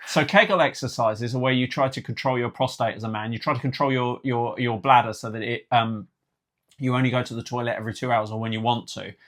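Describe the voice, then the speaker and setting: A man's voice: mid-range voice, steady tone, fast. A man co-hosting a casual vlog with his partner, telling jokey stories and acting out the other people in them. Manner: joking storyteller, acts out other people's voices. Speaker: co-host, partner of the host. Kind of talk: casual chat.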